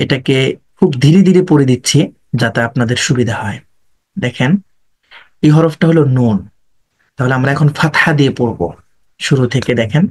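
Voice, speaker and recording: Male Quran teacher, devout and patient, slow repeated letter drills for students. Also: medium pitch. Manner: devout greetings and blessings. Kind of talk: recorded online class.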